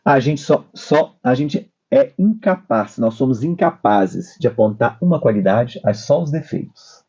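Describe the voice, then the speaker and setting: A man's voice: medium pitch, expressive, a little slow, mellow, slightly rough, dull audio. A man co-hosting a spiritist discussion program, earnestly explaining from his own experience. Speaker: co-host.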